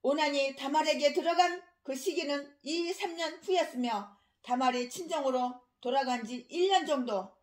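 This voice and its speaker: A woman pastor giving an expository sermon in a fiery, scolding manner, swinging between shouting and low muttering. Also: moderate pace.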